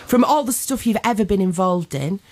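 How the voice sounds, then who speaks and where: A woman's voice: medium pitch, lively intonation, fairly quick. A woman hosting a casual radio interview in a studio, chatty, enthusiastic and teasing. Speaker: radio host.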